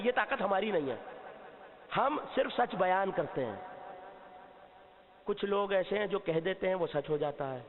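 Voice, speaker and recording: A man giving an impassioned sermon to a seated gathering, asking the listeners questions and at times shouting. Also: sits high. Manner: impassioned, rising to shouts at key points; asks the audience questions and answers himself. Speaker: Shia cleric giving a majlis sermon. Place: mosque or hall before a seated gathering. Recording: long reverb, tinny phone-like sound.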